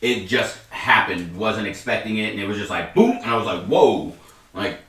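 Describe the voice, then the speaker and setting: A man's voice: on the low side, fairly quick, pushed and bright. A man telling a rambling story in a laid-back way while he eats. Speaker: mukbang co-host. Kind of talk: casual chat while eating. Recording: echoey room, mic far off.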